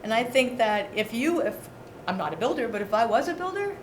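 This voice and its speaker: A woman's voice: a little high, sing-song, a little fast. A woman talking in an outspoken, conversational way at a committee meeting. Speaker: committee member at a local meeting. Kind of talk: informal meeting discussion. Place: indoor meeting room. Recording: echoey meeting room with clear background noise.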